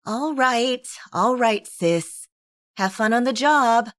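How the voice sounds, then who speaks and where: A woman voicing a lively young woman, a student kid sister with a breezy, wheedling way of talking. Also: fairly high pitch, takes it slowly, no room sound, studio quality, voice pushed up. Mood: bright, wheedling.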